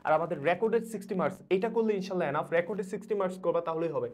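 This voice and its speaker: Fast-talking male English tutor. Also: sits high. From Bangladesh. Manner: rapid, urgent, repeats instructions. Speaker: English teacher. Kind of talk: exam suggestion lesson.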